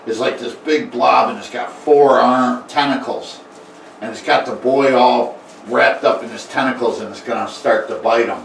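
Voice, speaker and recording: A man narrating as game master in a casual tabletop game, talking haltingly with many fillers and restarts. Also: medium pitch, gravelly. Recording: echoey room, mic far off, faint noise.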